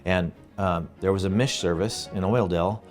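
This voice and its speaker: Low-voiced man telling animated stories. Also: moderate pace, faint music behind. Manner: animated anecdotes, laughing often, restarts mid-sentence. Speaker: funeral home co-owner, guest. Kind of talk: casual interview storytelling.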